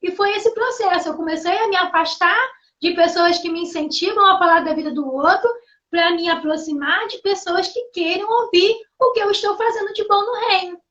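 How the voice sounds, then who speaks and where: A woman hosting a faith livestream, sharing a personal testimony in an earnest, halting way with many restarts. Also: very high voice, a bit bright. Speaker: host. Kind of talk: live testimony. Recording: muffled lo-fi livestream audio.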